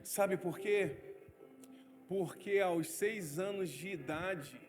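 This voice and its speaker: A man in his forties with a Brazilian accent, preaching a testimony sermon and telling his story with animated swings from loud outbursts to hushed asides. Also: high voice, slow. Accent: Brazilian Portuguese. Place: church hall. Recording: church hall reverb, faint music.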